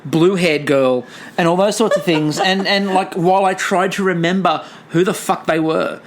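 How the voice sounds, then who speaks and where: Podcast co-host: New Zealand woman, slightly low pitch, wry, sweary banter, casual review chat, faint background noise. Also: normal speed.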